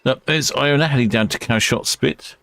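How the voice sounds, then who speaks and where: A man's voice: mid-range voice, normal speed, gravelly, fairly bright tone, no room sound. A man hosting a casual live ship-spotting stream, chatting and musing as he watches. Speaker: livestream host.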